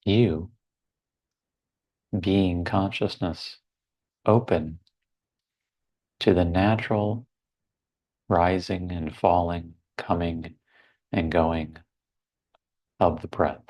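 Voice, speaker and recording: A man guides a meditation slowly and deliberately, with long pauses between brief phrases. His voice is low and darkish, and his intonation stays fairly even.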